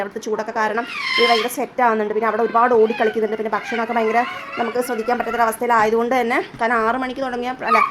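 A rapid-talking woman in a casual home vlog sounds tired and stressed. Her voice sits a little high. Loud household noise runs under everything she says. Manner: weary, stressed, talks about her struggles. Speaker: vlogger and dance teacher. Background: children crying at home.

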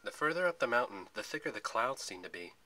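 Bright-voiced man narrating a story. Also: mid-range voice, fast talker, poor audio. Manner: expressive read-aloud, occasional slips.

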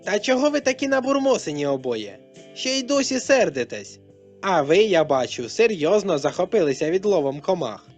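A man voicing a cheerful, chatty teenage boy, calling out loudly and brightly while reading a story aloud. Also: sits high, sing-song, a little fast, soft background music, voice pushed up. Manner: loud, upbeat, exclamatory.

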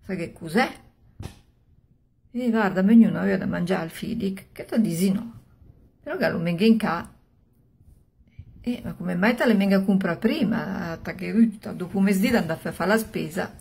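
Older Milanese woman storyteller, husky and creaky. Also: mid-range voice, moderate pace, long pauses, a little mellow. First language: Milanese dialect. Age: 60s. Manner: colloquial, conversational, with short phrases and interjections. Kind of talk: oral storytelling of an old horror tale, acting out dialogue. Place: small room at home.

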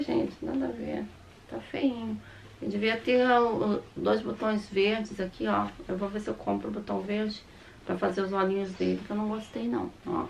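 A middle-aged Brazilian woman talks casually to her camera as she shows off things she bought. Her voice is throaty and slightly hoarse from a sore throat, with a gravelly creak. There is faint noise in the recording. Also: medium pitch. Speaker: vlogger. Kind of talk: casual chat showing purchases to camera. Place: small room at home, indoors.

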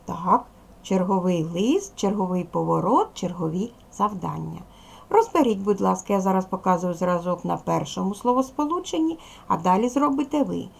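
A woman with a Ukrainian accent, teaching a recorded second-grade lesson in a lively, sing-song way. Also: lowish voice, normal speed, vocal fry, breathy edge. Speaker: primary school teacher.

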